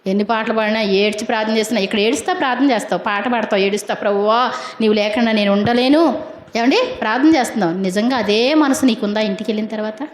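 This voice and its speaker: A woman's voice: a little high, racing, few pauses, roomy sound, slight background noise. A woman preaching a sermon in a chatty, colloquial way, keeps asking her congregation questions.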